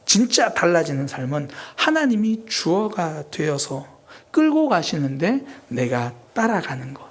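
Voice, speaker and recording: Lively earnest woman preaching a sermon. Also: deep voice, measured pace. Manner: earnest, confessional, acts out her own prayers. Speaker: pastor. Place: church sanctuary during a live Sunday service.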